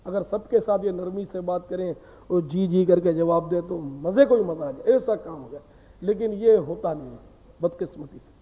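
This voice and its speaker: A man giving a sermon, talking in an earnest, conversational way that lectures and asks rhetorical questions. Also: sits high. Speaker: preacher. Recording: tinny phone-like sound with long hall reverb.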